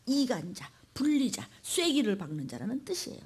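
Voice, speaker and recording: Fiery, high-voiced woman preaching. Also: sing-song, moderate pace, breathy edge. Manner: fiery, swings between loud declarations and hushed whispers; speaks straight to the listener in blunt questions and commands. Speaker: pastor. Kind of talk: sermon. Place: church.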